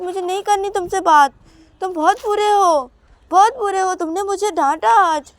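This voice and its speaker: A woman's voice: a little high, mellow, no room sound, pitched above the performer's own voice, close to an everyday voice. A woman voicing a sulky, childish young woman who whines and repeats her complaints. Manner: whiny, repetitive pouting complaints.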